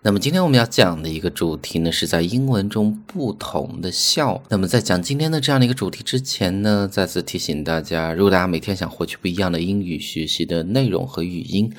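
A man's voice: low-pitched, animated, a little fast, hardly any pauses. A man hosting an audio English lesson, explaining patiently and repeating key words. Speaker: English teacher and podcast host.

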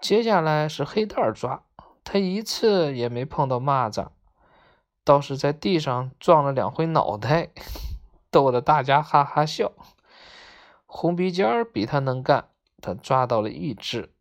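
Low-voiced woman reading a children's story. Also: expressive, unhurried. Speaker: narrator.

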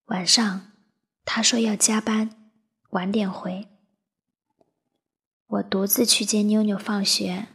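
Woman narrator, emotional first-person story; husky, gravelly tone, unhurried reading over soft music. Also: mid-range voice, flat delivery. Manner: soft, breathy, half-whispered delivery.

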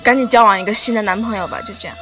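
A woman's voice: on the high side, rapid-fire, over music, poor audio. A woman from northeastern China chatting casually as a guest, tossing out tongue-in-cheek comic quips. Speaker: talk show guest. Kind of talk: casual comedic chat.

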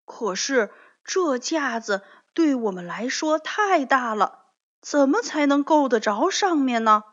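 A woman voicing a boisterous, stubborn young male frog in a children's story, loud and cheerful. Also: high-pitched, expressive, takes it slowly, pitched above the performer's own voice, heavily acted. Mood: puzzled. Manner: cheerful and loud, grumbles when caught out. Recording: dull lo-fi recording.

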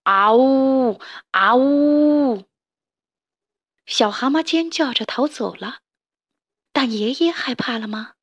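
A woman telling a story to children in a gentle, expressive way. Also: a little high, a little slow, slightly rough, muffled recording.

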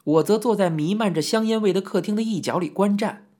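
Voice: medium pitch, a little fast, a little mellow. An audiobook narrator telling a first-person memoir in a reminiscing storytelling manner, with occasional asides to the listener.

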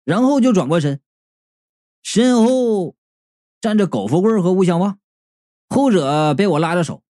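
Animated high-pitched male comic storyteller. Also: unhurried, dry recording, studio quality. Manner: animated, exclaiming, playful. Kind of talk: first-person comic story narration.

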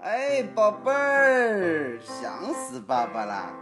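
A man's voice: sits high, wildly swooping pitch, takes it slowly, full character voice. A man playing a doting father who coaxes his small child with fond questions in a scripted radio skit. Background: loud music.

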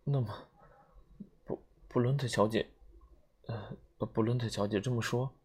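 A man's voice: mid-range voice, steady tone, darkish tone, slightly rough. A man reading an audiobook, voicing a nervous young man who stammers and loses his composure. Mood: panicky. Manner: stammering, halting, rising panic.

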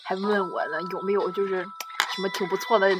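A young woman with a mid-range voice talks quickly in casual chat, jumping in with short remarks. Steady background noise sits behind her voice. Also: medium pitch.

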